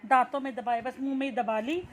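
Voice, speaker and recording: A woman's voice: sits high, fairly even intonation, a little fast, slight background noise. A young woman teacher reading a textbook story aloud and explaining each line in simple words. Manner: reads a line, then restates it in simple words.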